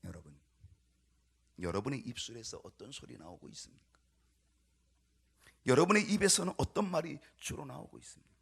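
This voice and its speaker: A male pastor preaching a sermon, emphatic, with repeated rhetorical questions to the congregation and sometimes dropping to a hushed whisper. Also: mid-range voice, huge pitch swings, brisk, gravelly, long pauses, breathy edge. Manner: drops to a hushed whisper at times.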